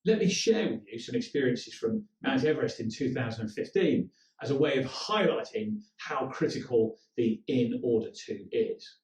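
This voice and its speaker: A man delivers a leadership training talk, direct and instructive, with a medium-pitched voice. He is picked up from some distance in an echoey room. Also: lively intonation, normal speed, darkish tone. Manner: direct, instructive, with acted-out quotes.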